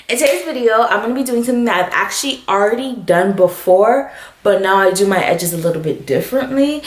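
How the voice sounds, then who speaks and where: A young woman vlogging about her hair in a quick, bubbly, self-aware and rambling way. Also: medium pitch, a little hiss or hum. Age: young adult. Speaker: beauty vlogger. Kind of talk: casual chatty vlog. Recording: roomy echo.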